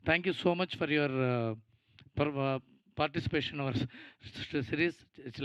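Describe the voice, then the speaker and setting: A man's voice: a little high, clear, resonant tone, no room sound, lo-fi sound. A Telugu-accented man giving a producer's speech at a film event, rambling, thankful and teasing. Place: event stage.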